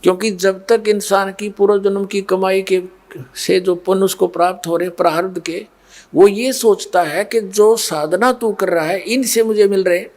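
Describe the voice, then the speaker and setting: A man preaches a devotional sermon in a high, gravelly voice. His pitch stays level and unvaried as he keeps up a steady cadence, addressing his listeners directly. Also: moderate pace. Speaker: spiritual preacher.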